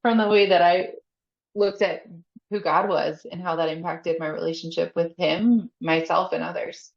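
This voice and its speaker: A woman's voice: lowish voice, fairly even intonation, moderate pace, vocal fry. Chatty woman in an echoey room. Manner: chatty, candid, laughs often, leans on "like". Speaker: podcast guest, faith coach. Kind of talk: casual conversational interview. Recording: echoey, slightly dull podcast audio.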